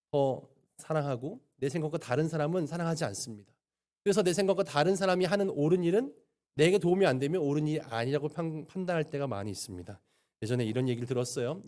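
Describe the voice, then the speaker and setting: 빠르게 말하는 설교하는 남성 목사. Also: male voice, fairly high pitch, darkish tone. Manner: storytelling with frequent affirming "네" and quick delivery. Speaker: pastor. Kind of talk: sermon. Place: church sanctuary.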